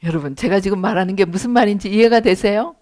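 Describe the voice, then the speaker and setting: A middle-aged woman pastor preaching a sermon and telling her own story in an animated way, acting out her prayers. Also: mid-range voice, fast. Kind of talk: sermon with personal testimony.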